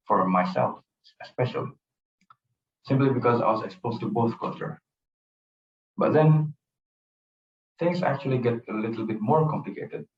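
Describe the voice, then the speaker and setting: A young man from Indonesia gives an earnest personal presentation, telling his story and often repeating phrases. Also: mid-range voice. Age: young adult. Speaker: student presenter. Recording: roomy, distant, dull sound.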